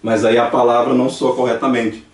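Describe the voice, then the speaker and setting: A man's voice: mid-range voice, flat delivery, a little fast. Brazilian man teaching in an echoey room. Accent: Brazilian Portuguese. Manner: patient explaining, repeating examples aloud. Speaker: Dutch language teacher. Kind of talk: classroom lesson. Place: church classroom. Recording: echoey room, distant mic.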